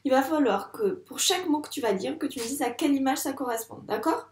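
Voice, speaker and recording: Teacher lady, fairly high voice, talks real slow and patient to little kids, echoey room. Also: expressive, a little mellow, a little hiss or hum. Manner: patient, encouraging, spells out sounds slowly. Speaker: primary school teacher. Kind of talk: slow, patient reading lesson for young children. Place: classroom with a board.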